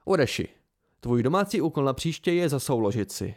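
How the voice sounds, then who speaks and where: A man's voice: medium pitch, very animated. A man voicing an eccentric, easily bored male master with an abrupt, offhand way of talking.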